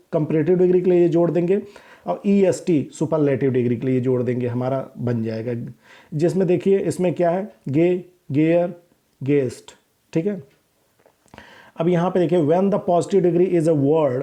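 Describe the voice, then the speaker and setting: A man teaching an English grammar lesson, explaining in Hindi and slowly reading out English rules, often checking in with "theek hai" and correcting himself. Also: a little high, dark tone. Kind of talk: recorded classroom lesson.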